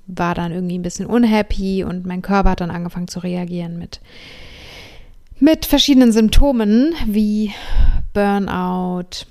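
This is a yoga teacher in her thirties hosting her own podcast, where she tells her life story in a personal monologue. Her mid-range voice has a darkish tone, and she speaks with heartfelt enthusiasm, dropping in English words here and there.

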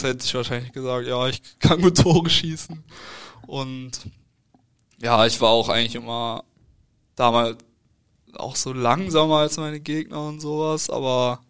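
Flat, smooth-voiced young man. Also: mid-range voice. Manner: relaxed, hesitant with fillers and restarts. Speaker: football player, guest. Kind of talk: casual interview answers.

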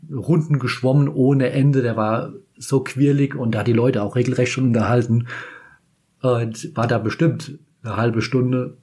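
Husky guy from kaiserslautern rambling thru a story on his podcast, keeps restarting his sentences. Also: medium pitch, dark tone. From Kaiserslautern, Germany. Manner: chatty, meandering, self-correcting. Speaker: podcast host. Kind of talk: casual storytelling anecdote.

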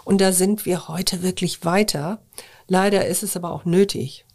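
An older woman speaks as an interview guest, weighing her words with many small hesitations. Her voice sits a little low for a woman, and her delivery stays calm and considered. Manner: measured and thoughtful, with frequent hesitation fillers. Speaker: interview guest, former journalist. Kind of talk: reflective interview answers.

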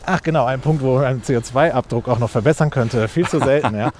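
A man's voice: mid-range voice, quick pace, darkish tone, a little hiss or hum. A man, answering interview questions outdoors with many fillers and restarts. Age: 40s. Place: outdoors on a street.

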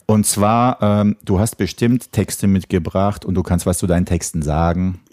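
A man with a very low voice hosts a relaxed podcast conversation, tossing in short easygoing reactions and questions. His sound is close and dry, with no room around it. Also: moderate pace, no echo. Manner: easygoing, brief reactions and prompts. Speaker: podcast host. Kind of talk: casual chat.

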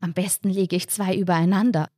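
A woman voicing a fussy, squeamish woman tourist on holiday, fretful and quick to get agitated. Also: lowish voice, fairly even intonation, mellow, no room sound, clean studio sound, lightly acted. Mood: disgusted, agitated.

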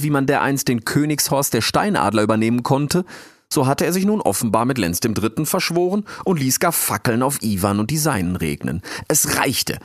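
A male narrator reads an animal fable with a lot of drama, his pitch swinging widely. The sound is dry and close, with no room echo. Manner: expressive, dramatic reading. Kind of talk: storybook narration.

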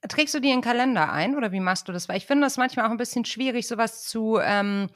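A woman hosting an interview podcast, asking quick questions and reacting with lively praise. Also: on the high side, no echo, clean studio sound. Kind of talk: casual interview talk.

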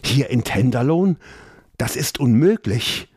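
A man's voice: medium pitch, animated, unhurried, darkish tone, breathy edge, dry recording, clean studio sound, voice pushed up. A man voicing a frightened young male elf prince in a fantasy audio drama, his voice trembling and pleading.

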